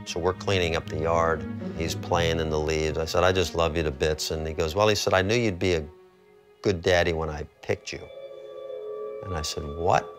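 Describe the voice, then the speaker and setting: A man's voice: deep voice, fairly even intonation, moderate pace, over music. A man being interviewed as a father, recounting a conversation with his son in a plainspoken way. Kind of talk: interview storytelling.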